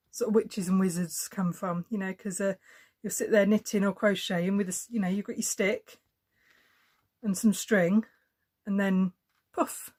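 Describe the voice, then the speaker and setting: A woman's voice: medium pitch, a little mellow. A woman chatting casually while she stitches, rambling and thinking aloud with plenty of fillers and restarts. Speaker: cross-stitch vlogger.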